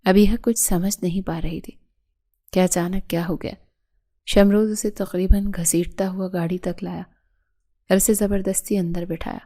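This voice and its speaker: A woman narrating a dramatic audio story in a steady, emotive way. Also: fairly low pitch.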